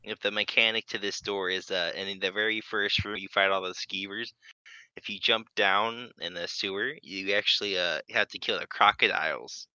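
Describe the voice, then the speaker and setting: Sharp-toned man on a dull mic. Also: on the low side, steady tone, moderate pace, clean tone, no room sound. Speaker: podcast co-host. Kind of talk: casual gaming podcast chat.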